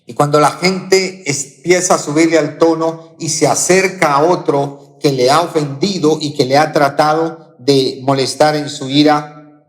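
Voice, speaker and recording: A Colombian man preaching a sermon, leaning on slow, emphatic repetitions. His voice sits somewhat high for a man and rings out with the long reverb of a church hall. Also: steady tone. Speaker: pastor. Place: church auditorium.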